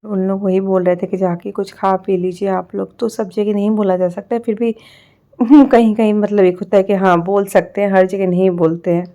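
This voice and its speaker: A woman's voice: medium pitch, flat delivery, normal speed, mellow. A young woman with a Bihari accent, chatting casually to her vlog audience in a rambling way with many fillers. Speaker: vlogger.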